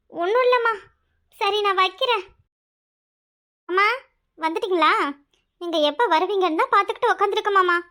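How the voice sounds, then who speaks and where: A woman's voice: extremely high pitch, sharp tone. A woman with a southern Tamil village dialect voicing a sly young newlywed who complains in a teary, sing-song way in a cartoon. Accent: southern Tamil Nadu village dialect. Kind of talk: cartoon voice acting.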